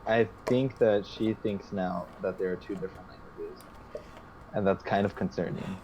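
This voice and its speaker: A man's voice: low voice, steady tone, moderate pace, crowd noise. A man co-hosting a casual podcast, laughing a lot and hesitating with fillers. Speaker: podcast co-host. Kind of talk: casual chat. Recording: dull lo-fi mic.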